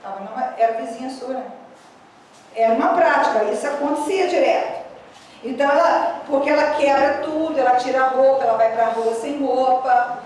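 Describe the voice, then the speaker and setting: Woman pastor, high voice, animated sermon, echoey church hall heard from a distance. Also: moderate pace, slight background noise. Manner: animated storytelling preacher.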